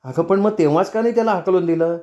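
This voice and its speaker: A man's voice: sits high, fast, darkish tone, pitched above the performer's own voice, natural voice. A man reading the lines of a chatty, teasing middle-aged woman friend in a storybook.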